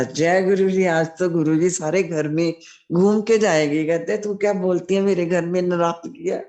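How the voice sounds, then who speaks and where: A woman's voice: on the low side, mellow. An older woman tells a devotional testimony in a chatty, storytelling way, often repeating devotional greetings. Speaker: devotee sharing her testimony.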